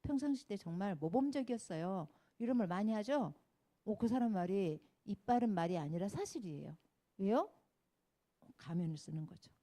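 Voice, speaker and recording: A woman's voice: medium pitch, lively intonation, normal speed, mellow. A woman in her fifties teaching a children's Sunday school sermon, telling stories, acting out the people she quotes and asking the children questions. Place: church classroom.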